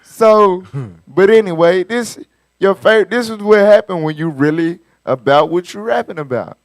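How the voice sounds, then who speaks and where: A man hosting a casual talk show, commenting on clips in an animated, slangy way with lots of laughter. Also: sits high, moderate pace, no echo, clean studio sound. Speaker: host.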